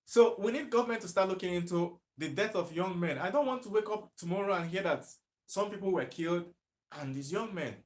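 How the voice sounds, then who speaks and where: This Nigerian man has a high voice with lively intonation and speaks briskly as a livestream commentator. Addressing his viewers emphatically, he repeats himself and asks questions he doesn't expect answered.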